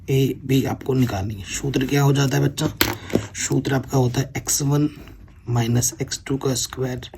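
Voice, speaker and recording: A man's voice: mid-range voice, vocal fry, background noise. A man teaching a board-exam maths lesson, working through problems step by step and often checking that the students follow. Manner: explains step by step, keeps checking with "theek hai na".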